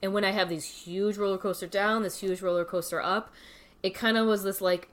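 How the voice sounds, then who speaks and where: A woman's voice: medium pitch, steady tone, brisk. A woman in her thirties talking casually and reflectively as an interview guest, recorded indoors in a wooden cabin. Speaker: podcast guest. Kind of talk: casual, reflective personal chat.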